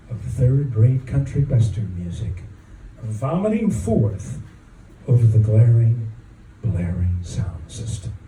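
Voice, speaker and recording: A man reading a spoken-word story at an open mic, with a deliberate, halting, dramatic delivery and drawn-out pauses. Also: mid-range voice, mellow. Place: echoing room at an open mic event. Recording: roomy, distant mic, faint background noise.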